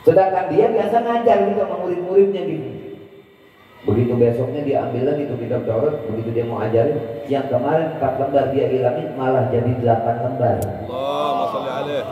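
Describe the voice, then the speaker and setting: A man preaching a storytelling sermon, animated, raising his voice high to act out the characters. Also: fast, a little hiss or hum. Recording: distant echoey hall, dull sound.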